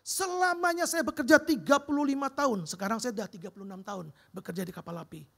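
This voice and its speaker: A middle-aged man preaches in a church sanctuary, weaving his own story of hardship and answered prayer into the sermon. His voice is gravelly and a little husky, and he keeps the telling lively, tossing a casual "Bro" at his listeners. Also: very high-pitched, fast talker. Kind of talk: sermon with personal testimony.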